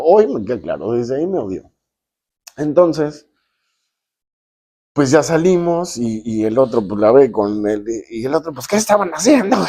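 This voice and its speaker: A Mexican man in his fifties telling a personal story casually, acting out the voices of people he quotes in slangy, salty speech. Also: medium pitch. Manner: lively, acts out quoted voices, slangy and profane.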